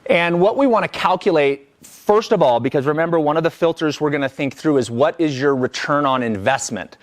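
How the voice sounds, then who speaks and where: A man's voice: fairly high pitch, a little fast. A man leading a live business coaching workshop, talking energetically and conversationally and checking in with the group.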